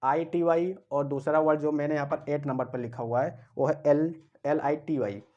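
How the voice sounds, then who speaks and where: A man's voice: fairly high pitch, steady tone, mellow, muffled recording. A man teaching English grammar, explaining step by step, spelling words out and asking and answering his own questions. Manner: spells out and repeats words slowly. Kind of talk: classroom-style grammar lecture.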